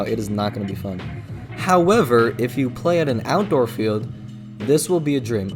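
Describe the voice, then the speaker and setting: A man giving a casual, opinionated product review as an airsoft video host, explaining pros and cons informally. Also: mid-range voice. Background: music.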